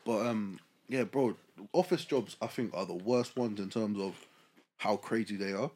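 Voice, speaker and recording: Slightly husky London roadman-accented man. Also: on the low side, normal speed, a little mellow. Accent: London, urban street. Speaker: podcast host. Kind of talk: casual group chat with street slang.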